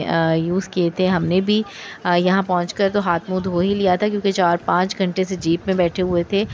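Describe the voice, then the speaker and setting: Relaxed woman narrating a travel vlog. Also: mid-range voice, highs cut off, a little hiss or hum. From Pakistan. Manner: relaxed and chatty, with frequent hesitation fillers. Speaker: travel vlogger. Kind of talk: casual travel vlog voice-over.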